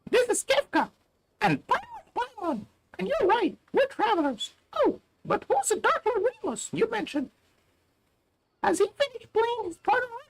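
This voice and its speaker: A man putting on a squeaky, strained falsetto as a tiny female fairy companion in a game, with an exaggerated delivery. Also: big pitch swings, moderate pace, gravelly, slight background noise, heavily acted. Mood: chirpy.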